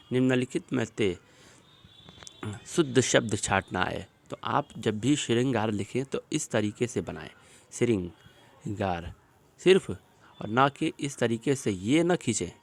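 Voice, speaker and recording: A man teaching an exam-prep lesson, working through spelling questions shown on a screen and slowly repeating each word as he explains it. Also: lowish voice, lively intonation, vocal fry.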